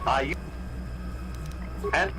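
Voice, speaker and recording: An actor voicing a glitching ancient computer terminal in a video game, with flat, clipped announcements that cut off mid-word. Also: male voice, very slow, noisy background. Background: game music.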